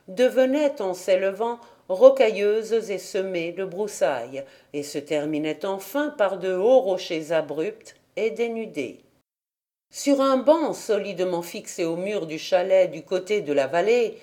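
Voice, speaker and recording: A woman reading a classic children's story aloud in a calm, even voice. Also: medium pitch. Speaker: audiobook reader. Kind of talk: storybook narration.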